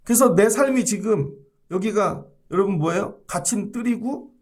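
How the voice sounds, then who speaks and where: A man's voice: high-pitched, moderate pace, darkish tone. A middle-aged male pastor preaching a sermon, often asking the congregation questions.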